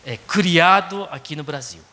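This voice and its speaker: Japanese-accented man preaching, bright and unhurried, casual tag questions, long church reverb. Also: a little high. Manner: conversational, frequent tag questions. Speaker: pastor. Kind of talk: sermon. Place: church sanctuary.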